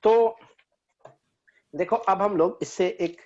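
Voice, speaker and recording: Slow-talking male physics teacher. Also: high-pitched, a little mellow, dull audio. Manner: mixes Hindi and English, counts aloud while working sums. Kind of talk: online lecture.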